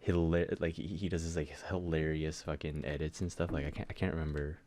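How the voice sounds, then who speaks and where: A man's voice: a bass voice, level tone, fast, crowd noise. A young man co-hosting a podcast, chatting casually in a rambling way with lots of fillers and swearing. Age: young adult. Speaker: podcast co-host. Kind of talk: casual chat.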